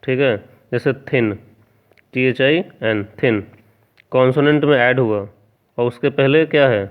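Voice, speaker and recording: Slow, patient male grammar teacher. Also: medium pitch, smooth. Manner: spells words out letter by letter and asks the class rhetorical questions. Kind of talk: classroom grammar lesson. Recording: tinny phone-like sound.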